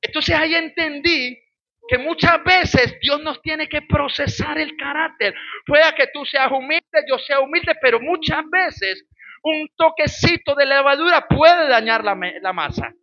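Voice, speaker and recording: A man from Colombia with a Colombian Spanish accent, preaching a sermon with lively storytelling that rises into shouted exhortation. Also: very high-pitched, measured pace, muffled recording. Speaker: pastor.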